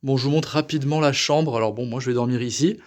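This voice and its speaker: A man's voice: medium pitch, fast. Tired, chatty male travel vlogger. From France. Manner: chatty, enthusiastic, many fillers. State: tired, sore feet. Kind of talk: casual travel vlog. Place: outdoors in a city and indoors in a hostel. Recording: street noise behind a handheld camera.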